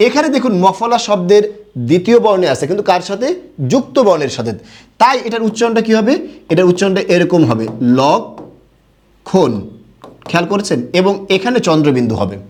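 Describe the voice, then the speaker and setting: A man from Bangladesh teaching an online grammar lesson, who keeps asking quick questions and then answers them himself. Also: high-pitched, sing-song, darkish tone.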